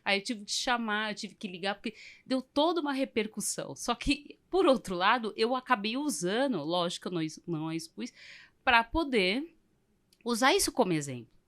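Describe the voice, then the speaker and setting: A woman with a Brazilian Portuguese accent hosting a casual podcast conversation, telling stories in a halting way with many restarts. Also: a little high, animated, a bit bright.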